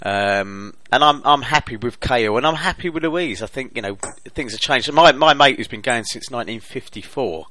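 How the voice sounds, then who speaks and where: A man talking football on a remote call whose connection keeps breaking up, his voice dropping out and his words halting. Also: medium pitch, expressive, pushed and bright. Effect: breaking-up internet call, voice dropping out. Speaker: podcast panelist on a remote line. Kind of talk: casual football chat.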